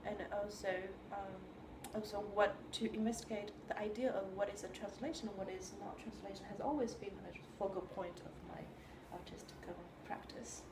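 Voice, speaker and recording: A woman from China who speaks English, a composer answering interview questions in a thoughtful, halting way and searching for her words. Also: medium pitch. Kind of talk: reflective conversation. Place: room in New York. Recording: roomy sound with steady background noise.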